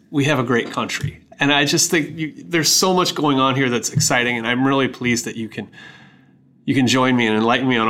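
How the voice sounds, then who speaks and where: A man's voice: medium pitch, fairly bright tone. A man speaking as a podcast host, moving between promotional reads and casual interview talk.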